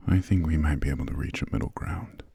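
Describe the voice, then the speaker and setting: Speaking close to a dry studio microphone, a man voices an imperious vampire lord centuries old for an ASMR roleplay, fully in character. His bass voice is breathy and gravelly, his speech soft, formal and slow, with drawn-out pauses. He stays courteous yet condescending, haughty and wry throughout.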